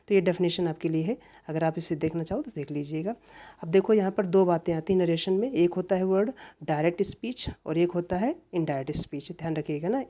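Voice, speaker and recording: A male teacher with a high voice lectures an online grammar class. He keeps repeating reminders, and his voice softly drops at the end of phrases.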